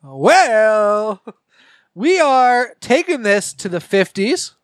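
Animated joking male podcast host. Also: high voice, normal speed, no echo, clean studio sound. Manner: animated, jokey. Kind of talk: casual joking chat.

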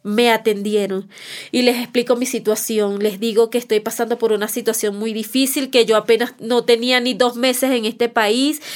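A woman telling her own life story as a mother for a testimony podcast, heartfelt, repeating words for emphasis and acting out past conversations. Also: fairly high pitch.

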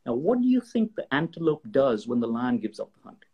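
A man being interviewed as an expert, explaining ideas with lively stories and acted-out examples. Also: medium pitch, brisk, husky. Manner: animated storyteller, acts out examples in voices. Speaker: guest expert. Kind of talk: conversational interview.

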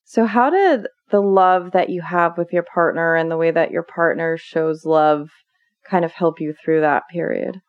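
A woman hosting an interview, asking brief, gentle reflective questions in a casual way. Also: fairly low pitch, a little slow, no echo. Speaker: podcast host. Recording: dull, dry lo-fi sound.

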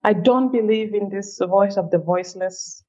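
Speaking at a middling pitch with a slightly mellow quality, this Cameroonian woman, a feminist leader, reflects on interview questions as a guest. Her pace is measured and thoughtful, quickening during asides. The recording sounds a little dull and lo-fi.

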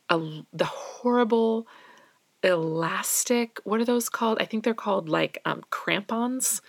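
A woman's voice: medium pitch, gravelly, no room sound. A young adult woman from Alaska hosting a casual solo podcast, chatty and self-deprecating, recording in a small closet at home. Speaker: podcast host.

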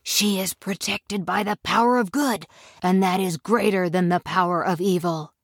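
A woman doing a hushed winged-monkey leader. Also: lowish voice, normal speed, no room sound, clean studio sound. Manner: hushed and serious.

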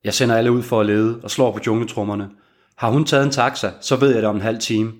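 A man's voice: lowish voice, steady tone, close to an everyday voice. A man as a blunt, protective workshop boss. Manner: blunt, firm. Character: loyal, protective middle-aged male workshop boss.

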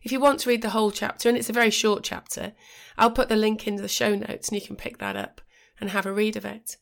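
Recovering from a cold, a middle-aged woman hosts a podcast in a croaky, gravelly voice with fry. Her pitch is middle and her scripted monologue is measured, reflective, and expressive, with occasional restarted phrases.

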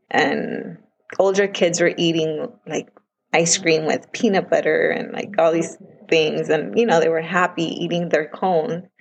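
A woman's voice: low-pitched, gravelly, muffled recording, a little hiss or hum. A woman in her thirties, a parent talking earnestly and emotionally in a casual interview. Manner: earnest and emotional, quoting others in lively voices. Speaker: guest, parent of a child with food allergies.

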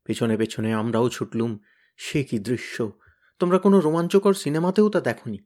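A man reading a humorous short story aloud with lively, expressive narration. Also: mid-range voice, normal speed. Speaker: story reader.

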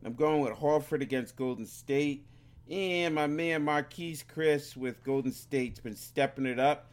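A man's voice: on the high side, a little slow, smooth. A man co-hosting a casual sports podcast, rambling and stumbling over words while drifting on and off the mic. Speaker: podcast co-host. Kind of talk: casual sports picks chat.

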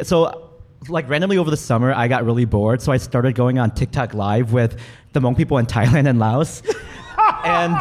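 A man hosting a casual chat, relaxed and laughing easily. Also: mid-range voice.

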